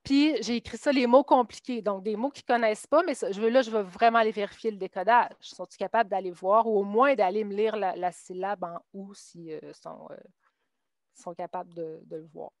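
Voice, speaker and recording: Speaking fairly quickly in a mid-range, darkish voice, a woman with a Québécois French accent tells a teachers' meeting how she teaches reading to adult immigrants. She goes step by step and acts out what she tells her students. The studio sound is clean, with no echo.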